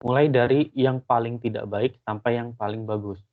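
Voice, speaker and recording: A man's voice: mid-range voice, steady tone, normal speed. A male university lecturer giving a casual online lesson, explaining at length with frequent fillers. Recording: tinny phone-like line.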